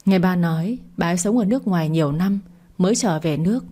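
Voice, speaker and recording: A woman's voice: lowish voice, quick pace, mellow. A woman reading a family drama story aloud as narrator, voicing the quoted parts herself with little change.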